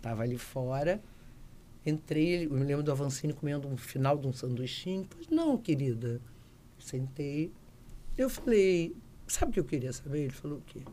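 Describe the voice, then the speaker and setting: An older actress being interviewed, telling anecdotes in a lively way and acting out the voices of the people she quotes. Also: low-pitched, normal speed, slight background noise. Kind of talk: casual interview storytelling.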